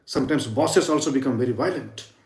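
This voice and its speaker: In a reverberant space with a little hiss or hum, a man of medium pitch speaks fairly quickly. He's a yoga and sound healing teacher delivering an earnest, informal spiritual talk on sound healing, frequently dropping almost to a whisper to stress a point.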